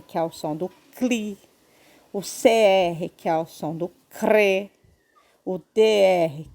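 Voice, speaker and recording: Slow, lively Brazilian teacher woman. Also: mid-range voice. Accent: Brazilian Portuguese. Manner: patient, drawn-out teacherly explaining with frequent check-ins. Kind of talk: online Portuguese lesson for children.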